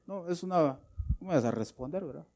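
A man's voice: a little high, expressive, a little fast, gravelly. Man preaching a fiery sermon. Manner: preaching with rhetorical questions and repetition; swings between loud emphatic bursts and quiet asides. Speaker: pastor.

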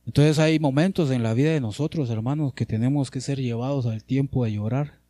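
A man preaching with fervent, pleading repetition, his lines often sinking to a hush at the close. His voice is dark and mellow. The sound is dry and close. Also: mid-range voice, brisk, dry recording. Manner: fervent, repetitive pleading, drops soft at ends. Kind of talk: sermon.

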